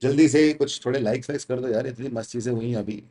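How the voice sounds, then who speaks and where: A man's voice: medium pitch, fast talker, warm tone. A young man with an Indian accent, teaching test prep in a chatty, teasing way on a casual livestream. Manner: chatty, teasing, mixes Hindi and English.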